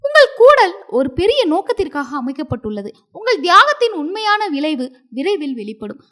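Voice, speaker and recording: A woman's voice: extremely high pitch, very animated, moderate pace, fairly bright tone, voice pushed up, full character voice. A woman voicing the mysterious spirit voice of an enchanted pond, speaking solemnly and commandingly in a storybook tale.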